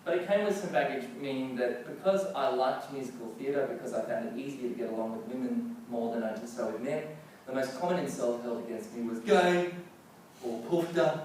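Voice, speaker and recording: A man telling a personal story in an animated, self-mocking way with playful comic timing. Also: medium pitch, brisk. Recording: echoey hall, distant mic, faint noise.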